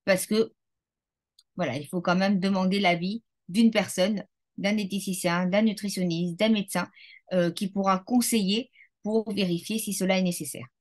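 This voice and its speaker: Woman, neuroscientist guest, podcast interview, didactic, methodical, frequent hesitations, mid-pitched voice. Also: fairly even intonation, normal speed, darkish tone. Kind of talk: explanatory interview talk.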